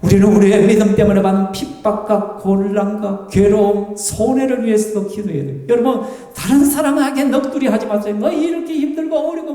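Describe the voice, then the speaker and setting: A man preaching as a pastor, lively and animated, acting out tearful prayers and grumbling complaints to make his point. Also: extremely high pitch. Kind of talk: sermon. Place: church sanctuary. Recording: echoey church hall, voice from far off the mic.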